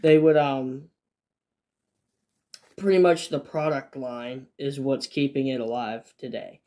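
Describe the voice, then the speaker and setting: A man's voice: mid-range voice, fairly even intonation, takes it slowly, mellow. A man hosting a history video, reading scripted lines about dates and events and breaking off into offhand asides with fillers and restarts. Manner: fillers and restarts between points. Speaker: video essay host. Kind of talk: semi-scripted history narration.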